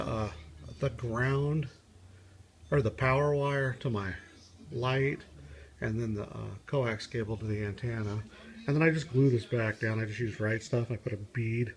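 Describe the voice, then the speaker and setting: Thinking aloud as he goes, this man rambles and halts through an unscripted DIY car tutorial for his vlog. His voice is mid-range and the tone casual.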